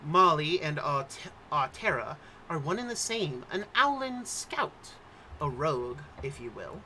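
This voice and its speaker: Male game master, theatrical storytelling, bright tone, faint background noise. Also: fairly high pitch, sing-song, a little slow. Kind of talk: introducing and narrating a tabletop game.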